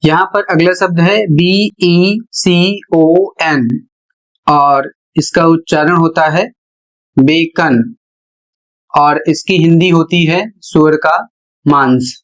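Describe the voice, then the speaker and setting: A man teaching a spelling and pronunciation lesson, spelling words out letter by letter in a slow, deliberate way. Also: a little high, steady tone. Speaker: English teacher.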